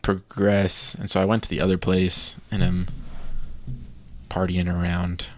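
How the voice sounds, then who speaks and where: This podcast co-host is a man with a low voice who speaks a little slowly, with no echo. On a casual gaming show, he tells his gaming stories in a lively way, acting out his own reactions.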